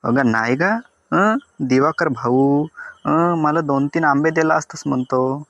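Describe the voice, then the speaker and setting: A man's voice: a little high, unhurried, a bit bright, dry recording, lo-fi sound. A man voicing a stingy, haggling village customer with a Vidarbha Marathi accent. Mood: wheedling. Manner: wheedling, haggling.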